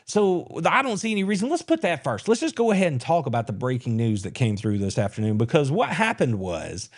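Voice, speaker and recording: A man hosts a live sports podcast. His talk is folksy and full of teasing banter. His voice sits a bit high and swings widely in pitch. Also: huge pitch swings, fairly quick. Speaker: podcast host. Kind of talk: casual live-stream sports chat.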